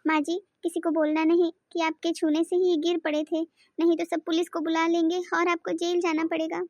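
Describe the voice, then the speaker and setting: Woman as high-pitched young daughter-in-law, scheming, sharp-tongued, bossy, cartoon, dry sound. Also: little pitch movement, moderate pace, dry recording. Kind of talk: cartoon voice acting.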